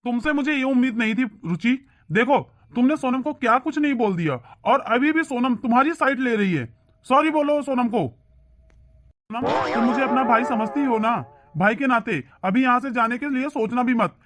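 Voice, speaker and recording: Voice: medium pitch, normal speed, fairly bright tone, no echo, studio quality, lightly acted. A performer voicing a fair-minded young husband and brother who speaks firmly and with reproach in a cartoon. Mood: reproachful. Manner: reproachful, firm.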